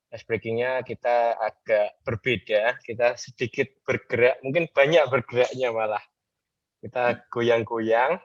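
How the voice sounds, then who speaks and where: A man's voice: mid-range voice, no echo. Chatty man leading an ice breaker. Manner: relaxed, chatty, demonstrates by chanting lyrics. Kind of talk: casual instructions on a video call. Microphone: video call. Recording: dull lo-fi video call audio.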